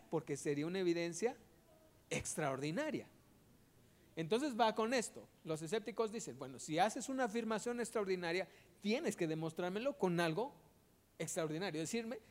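A man preaching in a conversational way, asking the audience rhetorical questions. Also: sits high.

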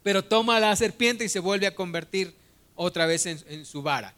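Man, preacher, very high pitch, bright tone, chatty storytelling. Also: moderate pace. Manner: conversational, humorous storytelling. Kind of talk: sermon.

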